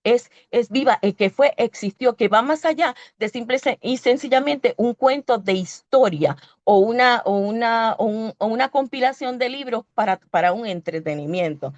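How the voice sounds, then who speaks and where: A woman's voice: a little high, moderate pace, hardly any pauses, no room sound, highs cut off. A woman with a Puerto Rican Spanish accent preaching a sermon in a church, teaching earnestly, reading scripture aloud and often correcting herself.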